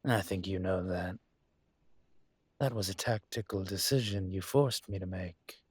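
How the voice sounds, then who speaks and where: Here a man takes on the role of a courteous, suave dragon mafia boss for intimate roleplay audio, sounding husky and breathy with a softly teasing formality. The recording is dry, his low voice unhurried, and the mood comes across wry and firm.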